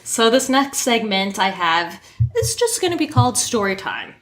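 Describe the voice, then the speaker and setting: A woman hosting a podcast and telling stories in casual chat, animated and quick to laugh. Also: a little high, a little hiss or hum. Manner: animated storyteller, laughs often. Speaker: podcast host and model.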